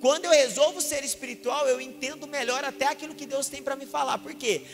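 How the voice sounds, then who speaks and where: High-voiced Mineiro preacher in a church hall. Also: male voice, a little fast. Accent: Mineiro Brazilian Portuguese. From Minas Gerais, Brazil. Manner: animated preaching with rhetorical questions and acted-out dialogue. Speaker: pastor. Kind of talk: sermon. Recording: reverberant church hall with music behind.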